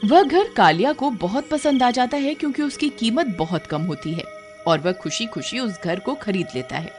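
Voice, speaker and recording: A woman with a rather high, expressive voice narrates a scripted cartoon horror story at a moderate pace, in a dramatic storytelling style, with loud music playing beneath her.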